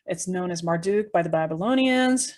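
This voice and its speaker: A woman's voice: lowish voice, animated, moderate pace, a little mellow. Woman presenting an informal astronomy lesson. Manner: explanatory, informal asides and rhetorical questions. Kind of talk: educational presentation, conversational.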